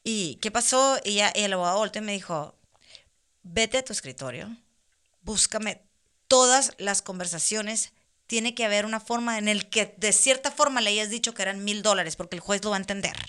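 A woman in casual conversation, telling a long personal story in an animated way, laughing now and then. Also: medium pitch, moderate pace, clean tone. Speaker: guest.

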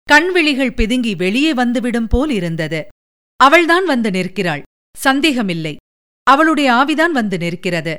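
A woman presenter narrating a serialized novel aloud in a measured, expressive reading style. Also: fairly high pitch. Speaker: presenter and storyteller. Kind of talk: scripted audiobook narration.

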